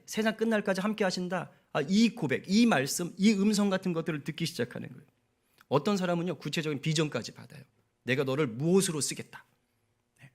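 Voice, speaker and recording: Middle-aged pastor guy preaching, lively, asks the congregation questions, slightly high voice. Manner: animated preaching with quoted inner voices and rhetorical questions. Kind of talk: sermon.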